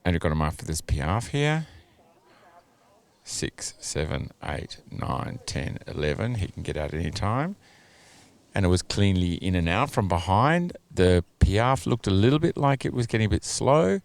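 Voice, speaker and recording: Low-voiced man, analytical sport commentary. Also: sing-song, normal speed, vocal fry. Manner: analytical, hedging, many "you know" and "a little bit". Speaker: dressage commentator. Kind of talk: sports commentary over a video.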